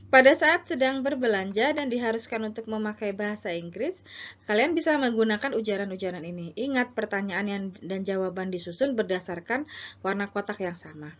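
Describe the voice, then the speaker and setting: A woman teacher giving a recorded slide lesson, explaining in a conversational way with fillers and reading example dialogues slowly and clearly. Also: medium pitch, highs cut off. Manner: reads English dialogues slowly and loudly, explains in Indonesian with fillers.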